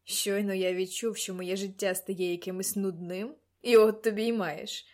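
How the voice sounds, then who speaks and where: A woman reading an audiobook, voicing a genial male doctor with a dry, amused courtesy in a slightly lowered voice. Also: steady tone, moderate pace, darkish tone, lightly acted. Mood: wry amused. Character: genial middle-aged male doctor, wry.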